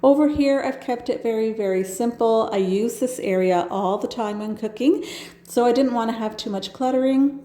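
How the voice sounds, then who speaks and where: A woman stuffed up from a cold narrates her home decorating with enthusiasm, speaking in the kitchen of her home. Her medium-pitched voice is mellow, and the sound is reverberant.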